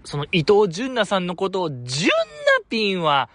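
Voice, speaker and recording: A Kansai-accented man hosts a casual solo radio talk show, reading listener messages with chatty, self-deprecating charm. His voice is high-pitched, expressive and fairly bright, at normal speed, captured in a dry, studio-quality recording.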